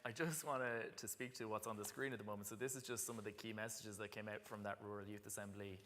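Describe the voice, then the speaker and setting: A man's voice: on the low side, steady tone, quick pace, fairly bright tone, slight background noise. A man, moderating a panel in unscripted speech. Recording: echoey hall with long reverb.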